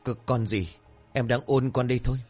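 A man's voice: mid-range voice, steady tone, fairly quick, darkish tone, faint music behind, pitched above the performer's own voice, lightly acted. A man voicing a frantic, grieving village wife who wails as she speaks. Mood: drowsy. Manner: wailing, frantic.

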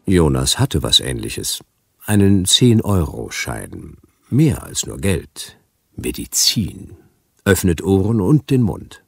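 An actor narrating as a world-weary detective in a wry, hardboiled first-person style for a radio drama. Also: male voice, deep voice, sing-song, slow, vocal fry, slightly rough, no echo, clean studio sound, exaggerated voice.

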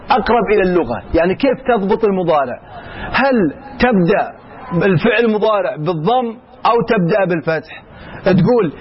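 A male grammar teacher with a high voice walks his class through the rules, asking questions and answering them himself and slipping between everyday speech and formal Arabic. He reads the text slowly before explaining it in plain words. The recording is a little dull, with faint noise behind him. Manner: mixes colloquial Arabic with formal Arabic. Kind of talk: classroom lesson.

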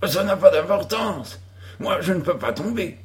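A bold young boy playing at being an outlaw hero, as a male reader puts him on, high-pitched and commanding. He declaims his lines with theatrical flair and lively swoops in pitch. It is a storybook reading. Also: normal speed.

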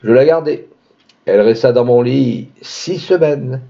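A man reading a classic story aloud in an expressive literary style, with dramatic emphasis. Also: measured pace, creaky, dull audio. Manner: dramatic, shifting pitch for emphasis.

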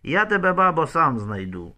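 A man's voice: a little high, sing-song, moderate pace, sharp tone, pitched above the performer's own voice, exaggerated voice. A man voicing a blunt, scheming village man who talks curtly and dismissively, in an audiobook. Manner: curt, dismissive.

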